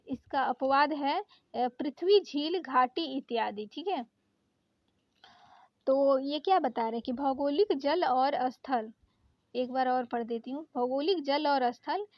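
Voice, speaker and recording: High-voiced woman teaching a grammar lesson. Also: no room sound, lo-fi sound. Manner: reads out word lists with many pauses and "अ" fillers. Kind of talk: exam-prep grammar lesson.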